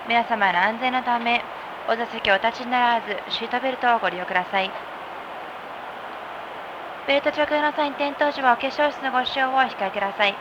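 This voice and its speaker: A woman flight attendant giving a polite, formal scripted in-flight announcement over a cabin PA. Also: fairly high pitch. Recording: muffled aircraft cabin PA, loud engine noise.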